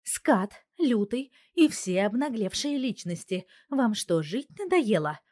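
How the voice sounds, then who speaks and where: A sharp-tongued young wife and computer genius, commanding and scolding with a raised, forceful voice, as a woman reader puts her on. It is recorded dry and close, like a storybook reading. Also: fairly high pitch, lively intonation, brisk, no room sound, voice pushed up.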